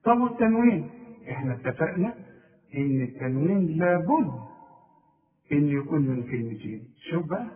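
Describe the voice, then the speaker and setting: A man with an Egyptian Arabic accent teaching a tajweed lesson, drilling each example and chanting it slowly. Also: a little high, big pitch swings. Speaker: Quran recitation teacher. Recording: tinny lo-fi recording from far off.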